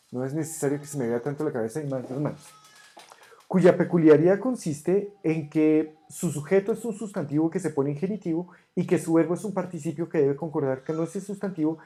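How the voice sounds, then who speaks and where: Teacher on a desk camera, very dark mellow voice, sounds out greek words slow and careful, patient. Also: mid-range voice. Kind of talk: online grammar lesson, correcting homework.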